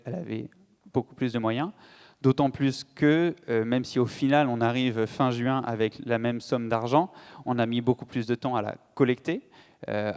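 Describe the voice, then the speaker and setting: A man's voice: mid-range voice, darkish tone, clean tone. Man speaking in a reverberant hall. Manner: hesitant, many fillers and restarts. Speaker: conference speaker. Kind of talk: political conference talk. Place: conference hall.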